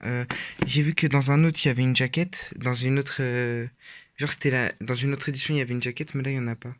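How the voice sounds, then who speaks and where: A man's voice: medium pitch, steady tone, fast talker. Rambling teen guy, casual. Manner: rambling, hesitant with many fillers. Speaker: vlogger. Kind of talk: casual shelf tour.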